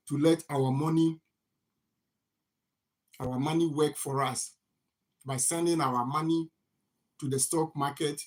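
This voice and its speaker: A farming channel host from Ghana, his voice a little high, gives a motivational finance talk to camera. He repeats himself, asking rhetorical "what?" questions over and over and answering them.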